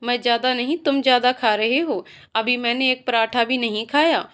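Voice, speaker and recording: A woman's voice: a little high, moderate pace, fairly bright tone, natural voice. Mahak: woman voicing a teasing young woman. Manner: teasing, light-hearted. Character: lively young woman recovering from illness.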